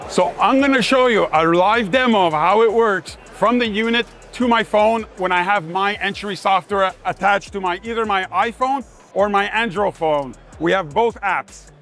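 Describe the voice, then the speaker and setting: A sales manager presents a product in a live trade show demo, pitching in emphatic, short salesman-style phrases. He has a high, slightly bright voice.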